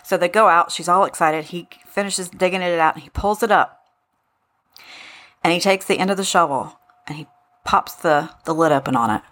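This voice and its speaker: A woman with a fairly low voice spins a story in relaxed podcast chat. She swears freely and talks with animated asides. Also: normal speed. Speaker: podcast co-host.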